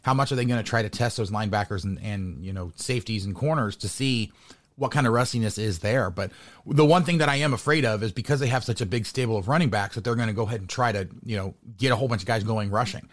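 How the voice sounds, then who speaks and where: An American man with a fairly low voice and quick pace hosts a podcast, casually interviewing a sports guest. He rambles and repeats words as he thinks out loud.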